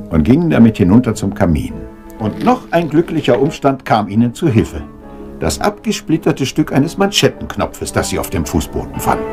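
Hercule Poirot, theatrical and animated, over music. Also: male voice, mid-range voice. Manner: pedantic, dramatic, drops in French phrases. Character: fussy, theatrical Belgian detective, methodical and self-assured. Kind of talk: German radio crime drama acting.

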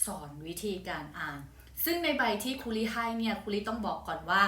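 A young woman teaching an English phonics lesson in a friendly, polite, chatty way, slowing down to show each word. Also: medium pitch, lively intonation, bright, forceful tone. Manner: chatty, polite, slow deliberate word demonstrations. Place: hot room. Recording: roomy echo, voice from a distance.

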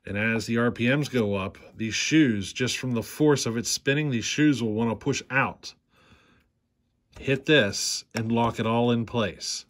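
A chainsaw repair channel host works at a workshop bench, his medium-pitched voice unhurried and fairly bright. He explains the repair in plain terms, frequently asking "see how".

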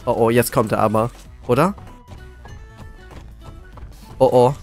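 A man commentating live on a horror game as a scared, jittery streamer, excitable and often repeating words. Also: medium pitch, takes it slowly, soft background music. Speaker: gaming video creator.

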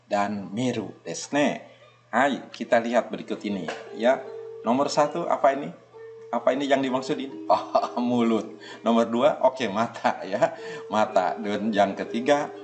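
A man teaching a Japanese kanji lesson. He speaks patiently, repeats small checks and gives a soft laugh now and then. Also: lowish voice. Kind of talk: online language lesson.

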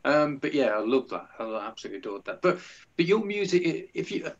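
A man hosting a podcast, enthusiastic but halting, with many restarts. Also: medium pitch, sing-song. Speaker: podcast host. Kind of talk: casual podcast interview. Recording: dull lo-fi sound.

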